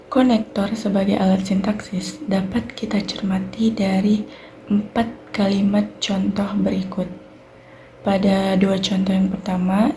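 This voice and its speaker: A young woman with an Indonesian accent, a university student giving a clear, methodical recorded class presentation on sentence structure. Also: mid-range voice, dark tone, slight background noise. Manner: clear explanatory delivery, fillers like "nah" and "baik".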